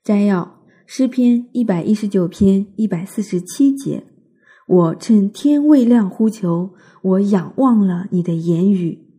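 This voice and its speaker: Slow, dark-toned woman reading devotions. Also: mid-range voice, animated, husky. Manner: measured, recited outline reading.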